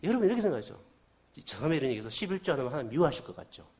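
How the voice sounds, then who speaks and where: A man preaching a storytelling sermon with a slightly high voice that rises and falls with a lot of energy. He keeps asking the congregation questions as he goes. He has a slight cold. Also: very fast. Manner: animated, asks the congregation questions. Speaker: guest revival preacher.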